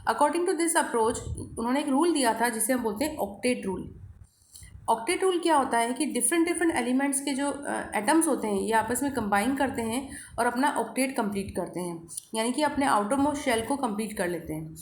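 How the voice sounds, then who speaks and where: A woman's voice: on the high side, lively intonation, brisk, roomy sound. A woman teaching chemistry with an Indian accent, mixing Hindi and English, asking questions and answering them herself. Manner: asks questions and answers them herself, repeats key terms; mixes Hindi and English, addresses students as children. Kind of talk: classroom lecture.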